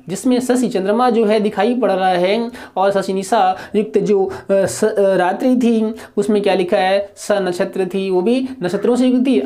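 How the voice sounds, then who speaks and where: Slow, mellow-voiced man teaching poetry. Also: high-pitched. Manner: measured, explanatory, repeats and rephrases lines; chants the verses in a drawn-out singing way. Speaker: Hindi literature teacher. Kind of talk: explaining a poem in a class lesson.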